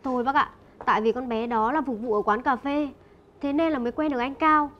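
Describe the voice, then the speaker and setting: A young actress playing a sly young woman who flatters an older mother. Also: high-pitched, brisk, dull audio, natural voice. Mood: flattering. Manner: sweet-talking, flattering, sharp when accusing.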